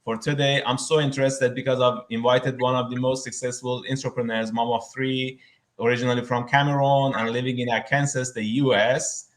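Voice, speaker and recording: A man in his thirties hosting a live online interview, speaking haltingly with many fillers. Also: medium pitch, level tone, poor audio. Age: 30s. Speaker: host.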